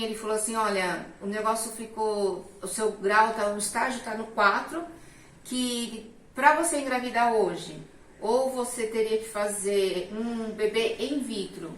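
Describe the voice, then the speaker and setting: Middle-aged woman, animated testimony storyteller, highish voice, roomy distant mic. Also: normal speed. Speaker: guest telling her testimony. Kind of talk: personal testimony in casual conversation.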